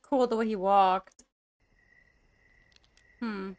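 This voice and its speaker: A woman's voice: mid-range voice, steady tone, extremely slow, a little mellow. A young woman hosting a first-time movie reaction, musing aloud and gasping and exclaiming as she watches. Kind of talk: casual movie reaction commentary.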